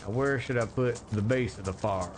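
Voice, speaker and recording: With background noise behind him, a man on a live stream talks over his game, cracking jokes and chatting with viewers. His low-leaning voice moves slowly and rambles, with many fillers.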